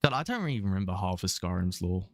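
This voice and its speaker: A man's voice: deep voice, big pitch swings, fast talker, no room sound. A young man in his twenties with a London accent, chatting casually and rambling with chuckles while he streams a game. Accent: London English. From England. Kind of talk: casual live-stream commentary.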